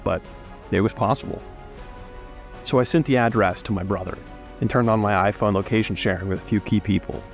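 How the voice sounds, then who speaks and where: Low-voiced man narrating over soft music. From Alabama. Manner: measured, reflective storytelling. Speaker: podcast narrator. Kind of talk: scripted true-crime narration.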